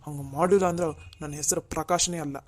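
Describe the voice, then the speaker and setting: A man's voice: a little high, steady tone, brisk, natural voice. A man voicing a wealthy, proud and stubborn middle-aged father in a cartoon, switching between indignant and pleading. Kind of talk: Kannada cartoon voice acting.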